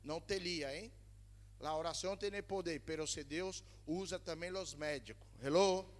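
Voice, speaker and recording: A man's voice: on the high side, normal speed. A male pastor from Brazil preaching a sermon to his congregation in a church in Spain, mixing Spanish words into his Portuguese and calling out to the people. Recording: long reverb of a church hall.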